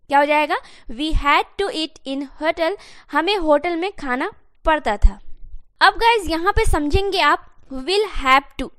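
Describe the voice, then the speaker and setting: A woman teaching an English grammar lesson step by step, often calling her viewers guys and slowly dictating example sentences. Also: extremely high pitch, fairly bright tone, no echo, clean studio sound.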